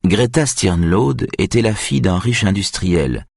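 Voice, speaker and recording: Male narrator, very low and husky, measured audiobook read. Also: dry recording, studio quality. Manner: even, measured reading.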